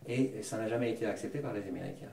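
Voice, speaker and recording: Low, gravelly-voiced man, halting. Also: dark tone. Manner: hesitant, repeats words. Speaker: panel speaker. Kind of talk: unscripted panel discussion. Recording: echoey room, distant microphone.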